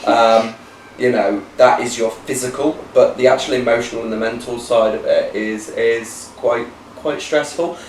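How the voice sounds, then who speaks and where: A man's voice: medium pitch, fairly even intonation, normal speed, few pauses, far from the mic. A man in his thirties from the UK, chatting casually as a co-host with a middling voice. He talks loosely, teasing and thinking aloud. He sits back from the mic in a roomy space with faint hiss behind him. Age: 30s. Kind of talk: casual chat.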